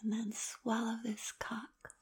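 A woman whispering an intimate roleplay in a teasing, commanding way, with soft hums between her phrases. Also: a little high, completely flat delivery, slow pace, slightly rough.

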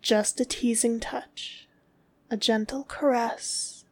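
A woman delivering a scripted dominant roleplay in a slow, commanding, contemptuous tone that often drops to a whisper. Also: on the high side, steady tone.

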